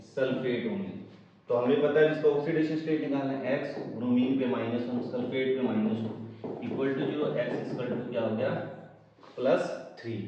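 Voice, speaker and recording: Male chemistry teacher, lecturing style, poses questions to the class and answers them himself, recorded far off in an echoey room. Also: medium pitch. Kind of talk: lecture to students. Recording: echoey room, distant mic, dull sound.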